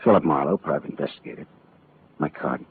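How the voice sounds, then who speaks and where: An actor playing a sardonic, wisecracking American private detective with a glib, wry delivery in an old radio drama. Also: male voice, very deep voice, a little fast, vocal fry, husky, narrow, tinny audio, exaggerated voice. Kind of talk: 1940s radio acting. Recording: thin, noisy old radio recording.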